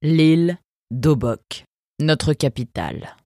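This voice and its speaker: A woman voicing a stern male prison guard who gives short, sharp orders. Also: low voice, slow, no echo, clean studio sound. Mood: curt. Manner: curt, sharp, commanding.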